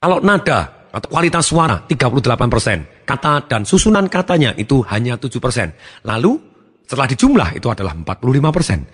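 A man giving a motivational talk, acting out examples of tone with big swings in pitch. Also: sing-song, fast talker, a bit bright, husky. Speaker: motivational speaker.

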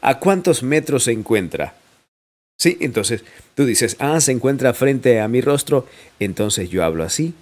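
A man talks through an audio recording tutorial in a relaxed, chatty way. He keeps checking in with the listener and laughs easily, his voice sitting at an ordinary middle pitch close to the mic. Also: a little slow. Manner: chatty, asks listeners questions, laughs often. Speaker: audio editing instructor. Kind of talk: casual screen-recorded tutorial. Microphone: studio microphone at close range.

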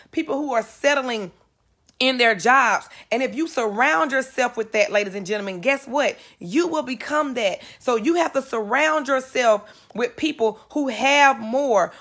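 Emotional woman, high voice, near tears. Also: a bit bright. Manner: emotional, earnest, repeats phrases for emphasis. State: close to tears. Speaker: network marketer speaking to live viewers. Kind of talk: live-stream motivational talk.

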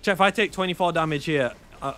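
A young man streaming a strategy game, chatting to his viewers, excitable, repeating himself and bursting into shouts and laughter. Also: on the high side, quick pace. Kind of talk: live gameplay commentary to chat.

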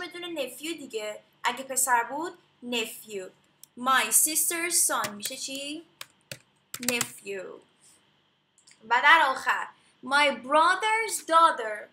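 A woman teaching English vocabulary, explaining slowly and having learners repeat words after her. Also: high-pitched, bright, forceful tone, reverberant, slight background noise. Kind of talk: English lesson in Persian.

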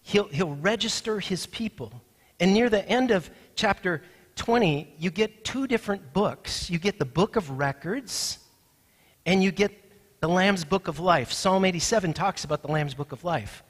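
A man's voice: sits high, animated, moderate pace, in a large hall. A man preaching a sermon as pastor, emphatic and repeating his key points with rising force, in a church sanctuary.

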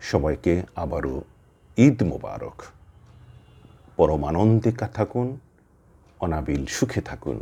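Low-voiced guy teaching pronunciation, slow careful word drills. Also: big pitch swings, creaky, dark tone, husky. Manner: measured, repeats words slowly for drill. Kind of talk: spoken lesson on pronunciation.

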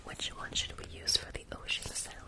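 A young man whispering softly and casually to viewers as an ASMR livestream host, close to the microphone in a small room. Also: brisk. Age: young adult. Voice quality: unvoiced whisper. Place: small bedroom, indoors. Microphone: close desktop microphone, sometimes with furry windscreen.

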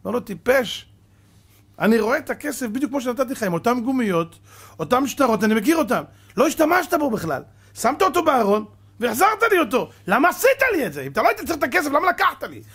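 A man acting out an indignant lender who shouts at his friend in a sermon parable. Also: very high-pitched, very animated, slightly rough, pitched above the performer's own voice, exaggerated voice. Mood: furious. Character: furious male lender scolding his friend.

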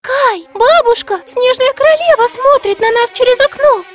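A small, eager girl in a storybook, crying out in a very high, bright little voice, as a woman narrator puts her on. Her lines jump well above the teller's own. Soft music hums faintly behind. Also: fairly quick. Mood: alarmed. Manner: high childlike cries.

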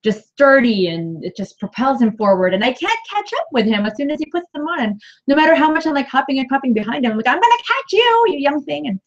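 A woman's voice: high-pitched, sing-song, fast, few pauses. Woman, co-host, casual chat, playful asides, muffled stream audio. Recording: dull lo-fi livestream audio.

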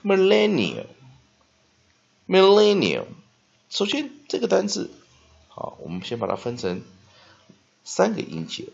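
A man teaching spelling and pronunciation, dotting his speech with "ah" and "ha" and slowly drawing out words to model them. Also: mid-range voice, gravelly, fairly bright tone, breathy edge. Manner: frequent "ah" and "ha" fillers, slow drawn-out modeling of words. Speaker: English teacher. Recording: dull lo-fi recording.

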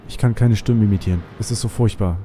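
A man's voice: on the low side, fast talker, dark tone, a little hiss or hum. A young man commenting on a survival game, whispering when he sneaks and yelping when startled. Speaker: let's player. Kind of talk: gaming commentary.

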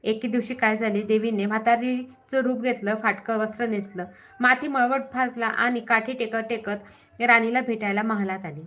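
A woman's voice: fairly high pitch, fairly even intonation, normal speed, fairly bright tone. A woman narrating a devotional vow story aloud, reading steadily with small slips and self-corrections.

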